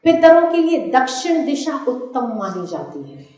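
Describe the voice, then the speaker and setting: A woman gives a religious discourse in a slightly high voice, slow and deliberate. She teaches step by step and repeats each list for the audience to note down. Her voice rings through a very echoey hall. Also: sing-song, darkish tone. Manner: slow, didactic, repeating lists for note-taking. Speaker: spiritual teacher.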